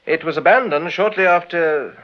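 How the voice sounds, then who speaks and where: An actor playing a shrewd, dryly humorous police inspector with a British accent and a probing manner in a mid-century radio drama. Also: male voice, on the high side, normal speed, natural voice. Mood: businesslike. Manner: dry, probing, matter-of-fact. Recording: muffled old radio recording.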